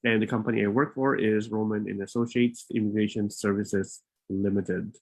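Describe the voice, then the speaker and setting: A man's voice: on the low side, fairly even intonation, normal speed, darkish tone. Man, live webinar host, informal and rambling, slightly out of breath, laptop mic. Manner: informal, rambling, with frequent fillers and restarts. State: a bit out of breath. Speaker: immigration consultant and webinar host.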